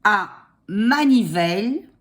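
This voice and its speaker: A woman teacher dictating at a slow, measured pace with very lively, rising and falling pitch. She draws out each phrase deliberately and calls out punctuation, in a clearly didactic manner. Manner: dictating, drawing out words deliberately; didactic, posing questions and answering them herself. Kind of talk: dictating slowly word by word, with spoken punctuation and spelling explanations.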